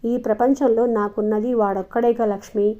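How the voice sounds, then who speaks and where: A woman voicing a quiet, brooding village father who talks in a low, wistful way, in a dull lo-fi recording. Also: steady tone, normal speed, close to an everyday voice.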